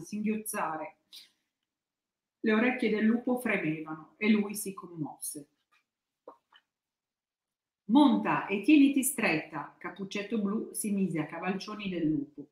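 A woman author reading her children's book aloud in a bookshop with lively, expressive storytelling. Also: medium pitch. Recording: echoey room.

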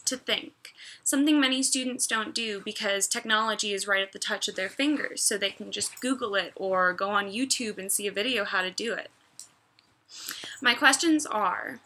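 Bright young woman reading a class response. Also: on the high side, slight background noise. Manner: reads quotes then comments, many ums. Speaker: education student. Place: home room with puppies. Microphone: computer mic.

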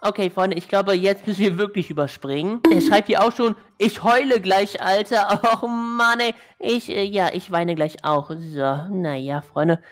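A woman's voice: mid-range voice, unhurried, hardly any pauses. A woman hosting a gaming channel, giving casual gameplay commentary and exclaiming in frustration at a hard level. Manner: frustrated, exclaiming, addressing viewers as friends. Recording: faint background music.

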